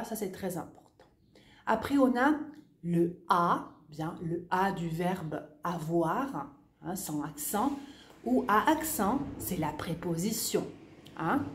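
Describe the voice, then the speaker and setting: A woman teaching French in an online lesson, explaining patiently and clearly and moving between French and Spanish. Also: mid-range voice, darkish tone, roomy sound. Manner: explains slowly and clearly, checking in with "hein" and "d'accord"; switches between French and Spanish for her students.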